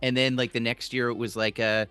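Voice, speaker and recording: A man co-hosting a casual podcast chat, animated and jokey, rambling with lots of restarts. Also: mid-range voice, fairly quick, clean tone, faint music behind. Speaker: podcast co-host.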